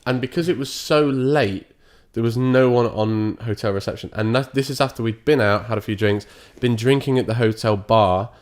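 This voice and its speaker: A young man co-hosting a casual podcast chat, telling lively anecdotes and laughing often. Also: mid-range voice, normal speed, hardly any pauses. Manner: chatty anecdotes, laughs often, makes sound effects. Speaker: podcast co-host.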